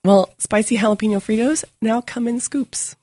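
A woman's voice: a little high, normal speed, mellow, dry recording, studio quality. A woman chatting casually as the co-host of a podcast. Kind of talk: casual chat.

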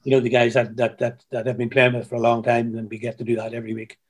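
Halting man telling stories. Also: medium pitch, completely flat delivery, husky. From Ireland. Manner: halting, repeats words, storytelling. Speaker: guest musician. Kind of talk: casual interview chat. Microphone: video call.

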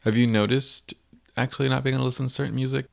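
A man's voice: medium pitch, little pitch movement, racing, creaky. A man co-hosting a faith podcast, chatting casually and telling rambling stories with many fillers. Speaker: podcast co-host and youth minister. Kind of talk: casual chat.

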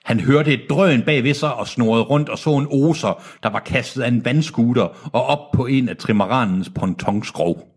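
A man's voice: medium pitch, few pauses, husky. A man co-hosting a comedy podcast, reading a novel aloud and breaking off to mock it and trip over words. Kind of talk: comedic read-along, mocking the text.

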